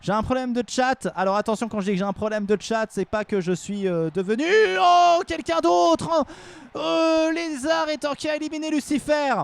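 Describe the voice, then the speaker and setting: Male stream commentator, very high and raspy-edged, jokey play-by-play with shouted peaks. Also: normal speed. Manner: jokey, rambling, bursts of shouted hype.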